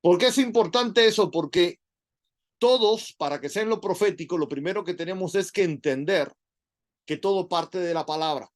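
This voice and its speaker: A middle-aged man, preaching a sermon in an animated, conversational way full of rhetorical questions. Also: high voice, normal speed.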